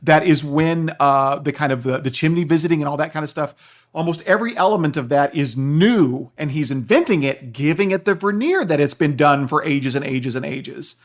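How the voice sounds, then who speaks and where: An American philosophy professor and author appears as an expert podcast guest, his voice a little high and his pace moderate. He explains things animatedly and conversationally, often checking in with the listener.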